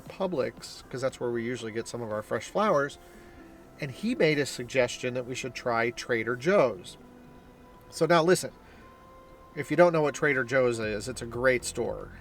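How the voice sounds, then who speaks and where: A man chatting casually to the camera as a vlogger, upbeat and explanatory, recorded in a car and in a store. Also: mid-range voice. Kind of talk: casual vlog chat.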